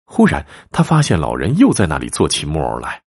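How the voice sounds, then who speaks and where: A man narrating a ghost story theatrically, swinging from hushed to alarmed. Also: rumbling low, wildly swooping pitch, a little fast, husky.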